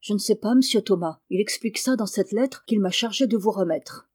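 A woman's voice: mid-range voice, a little fast, darkish tone, breathy edge, no echo, studio quality, natural voice. A woman reading the lines of a polite boy delivering a letter in a storybook, in a plain voice.

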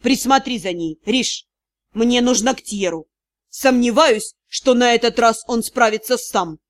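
Lady reading a tired growly magister guy, lowered voice, dry close sound. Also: measured pace, fairly bright tone, dry recording. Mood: grim. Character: weary, gruff male magister.

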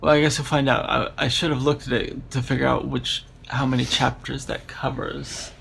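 A man's voice: medium pitch, level tone, normal speed, creaky, fairly bright tone, slight background noise. A man co-hosting a podcast, chatting casually about a book and rambling through half-finished thoughts. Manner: rambling, with restarts and trailing-off thoughts. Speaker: podcast co-host.

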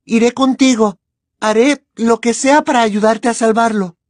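A woman's voice: on the high side, steady tone, measured pace, darkish tone, no room sound, clean studio sound, close to an everyday voice. A woman voicing a clever, anxious teenage girl witch who talks with urgent earnestness. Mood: urgent, pleading.

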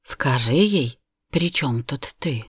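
A woman's voice: very deep voice, slow, breathy edge, no echo, studio quality, exaggerated voice. A woman voicing a cool, composed ex-wife who speaks evenly and coldly. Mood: icy. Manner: even, cool, controlled.

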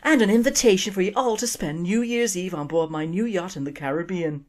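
A woman's voice: lowish voice, a little fast, darkish tone, close to an everyday voice. A woman voicing a grown Irish daughter who speaks in a sheepish, teary way with an Irish accent.

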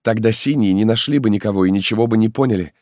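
A man voicing an eager young male peasant rescuer who talks in urgent, hurried pleas. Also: lowish voice, darkish tone, no room sound, clean studio sound, voice pushed up, close to an everyday voice.

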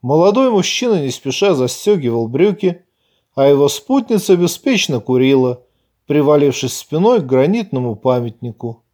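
Brief: male audiobook reader, slightly raised pitch, steady measured delivery. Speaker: audiobook narrator. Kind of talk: scripted audiobook narration.

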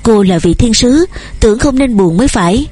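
An eager, devoted young suitor pours out his feelings in long, earnest phrases, voiced by a woman. The voice is mellow and husky. Soft music runs under this storybook reading. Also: on the high side, expressive, normal speed.

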